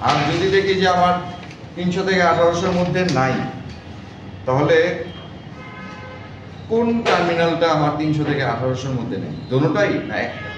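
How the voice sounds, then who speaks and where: A repair instructor lectures his class in an echoey indoor classroom, repeating points and often stopping to quiz listeners with check questions. His voice is fairly high, expressive and a little fast, broken by long pauses. The far mic captures a very echoey, dull sound with clear noise.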